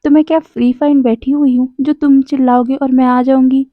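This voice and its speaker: A woman's voice: high-pitched, flat delivery, a little fast, no room sound, phone-quality sound, lightly acted. Woman voicing a sassy flower goddess.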